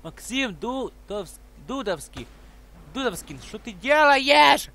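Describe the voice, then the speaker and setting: Very high-pitched, excitable male gamer. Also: slow pace, creaky. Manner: excitable, exclaiming, street slang. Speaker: gaming video host. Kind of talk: excited gameplay commentary with slang.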